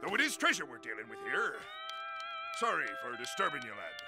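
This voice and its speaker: A man voicing a gruff, greedy middle-aged male crab captain in a cartoon, with a gravelly, blustering pirate manner. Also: mid-range voice, wildly swooping pitch, brisk. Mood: sheepish. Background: cartoon music.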